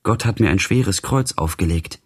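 A man's voice: lively intonation, normal speed, darkish tone, breathy edge. A man voicing a careworn, pious old mother in an audiobook reading, in a sorrowful, lamenting manner. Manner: lamenting, pleading, pitched up.

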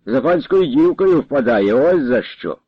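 A man's voice: medium pitch, very animated, measured pace, breathy edge, no echo. A man voicing a cruel, haughty male estate steward who answers curtly in a dull, dry recording. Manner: curt and dismissive.

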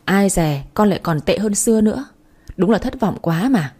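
A spiteful young stepmother, voiced by a woman in a spoken story, sneering and feigning innocence. Her voice is dark and breathy. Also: medium pitch, animated, normal speed. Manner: sneering, falsely sweet.

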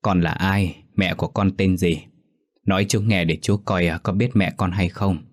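A man voicing a kind male teacher who speaks softly and coaxingly in a ghost story. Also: low voice, fairly even intonation, normal speed. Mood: tender. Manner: soft, coaxing. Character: gentle male Buddhist teacher, tender and kind.

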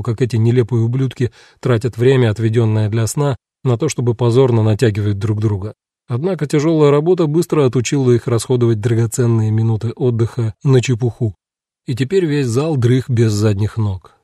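A man narrates a scripted audiobook in an even, measured storytelling manner. His voice is medium-pitched, and the recording is dry with clean studio sound.

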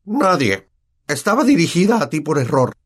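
A blustering middle-aged uncle who barks and bullies, as a male narrator with a Latin American Spanish accent puts him on. The voice is pushed well above the reader's own, loud and sweeping in pitch. It sounds like a storybook villain of the household. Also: lively intonation, moderate pace. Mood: gruff. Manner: barking, curt and bullying. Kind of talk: audiobook character voice.

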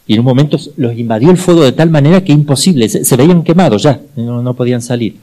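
Middle-aged Argentine male priest, mellow timbre, lively storyteller who repeats for emphasis. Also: medium pitch, quick pace, rough recording. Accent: Argentine Spanish. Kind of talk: teaching talk with personal anecdotes.

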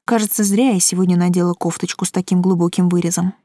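Calm, wry woman narrating an audiobook. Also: fairly low pitch, quick pace, dry recording, studio quality. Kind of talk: first-person audiobook narration.

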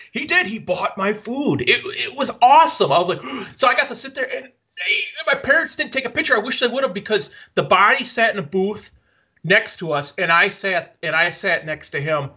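A man co-hosting a podcast, telling a story in an excitable, animated way and swearing casually. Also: high voice, moderate pace, slightly rough, highs cut off. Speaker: podcast co-host.

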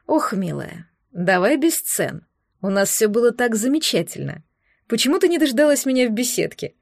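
A woman voicing a smug, cruel male sorcerer in an audiobook, speaking in a honeyed, sneering, deliberate way. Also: a little high, big pitch swings, vocal fry, dry recording, clean studio sound, heavily acted. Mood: menacing. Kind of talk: audiobook character voice.

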